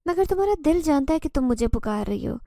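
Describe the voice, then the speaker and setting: A woman's voice: sits high, expressive, mellow, dry recording, studio quality. A woman voicing an obsessive, possessive male jinn who speaks intensely and insistently in a horror story.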